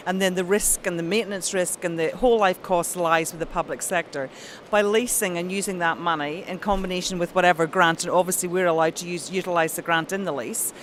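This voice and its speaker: A woman's voice: fairly low pitch, a little hiss or hum. A woman with a Belfast accent, an account manager being interviewed at a trade show, speaking in an upbeat, polished manner. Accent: Northern Irish, Belfast. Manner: upbeat, enthusiastic, polished phone-style voice.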